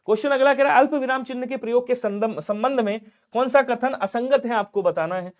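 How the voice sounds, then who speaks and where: A man teaching an exam-prep Hindi grammar lesson, quickly drilling questions and answering them himself in his students' voices. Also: very high voice. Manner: drills quickly, urging speed.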